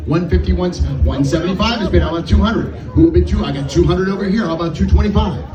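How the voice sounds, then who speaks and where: A man's voice: high voice, fast. A man working as an auctioneer, calling bids in a chant of repeated numbers and filler syllables. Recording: echoey, distant mic with music behind.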